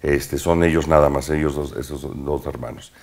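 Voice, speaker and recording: A man with a Mexican accent and an extremely deep, low-pitched voice speaks as a guest in a relaxed interview. He is an actor who recounts his past in lively anecdotes, peppering them with slang and punchy sound words. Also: normal speed. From Mexico, Veracruz. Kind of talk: casual interview storytelling.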